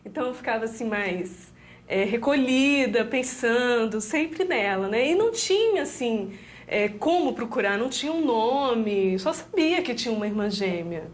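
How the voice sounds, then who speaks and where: A Brazilian woman in her thirties, a guest telling a personal story in an animated way, often laughing. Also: on the high side, moderate pace. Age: 30s.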